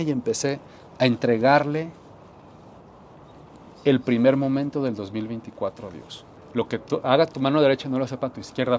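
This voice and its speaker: A man, a pastor giving an earnest sermon testimony, often repeating phrases and dropping to soft tones for emphasis. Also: mid-range voice, a little hiss or hum.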